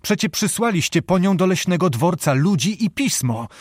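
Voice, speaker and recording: A man voicing an old wounded knight, speaking gravely and slowly with a heavy, distraught manner. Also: sits high, sing-song, no echo, studio quality, pitched above the performer's own voice, exaggerated voice. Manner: grave, heavy, slow-spoken.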